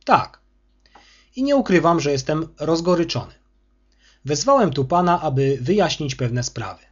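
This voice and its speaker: A man's voice: on the high side, sing-song, moderate pace, lo-fi sound, pitched above the performer's own voice. Man doing a bullying, angry superintendent. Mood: bitter. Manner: harsh, scolding, domineering. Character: angry arrogant male school superintendent, bullying official.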